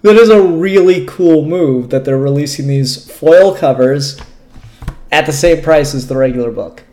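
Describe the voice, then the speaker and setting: The host of a casual comic book review show talks in a rambling, candid, unscripted way, with a swear word here and there. His voice is on the high side and mellow, and he keeps a measured pace. It's recorded in an echoey room.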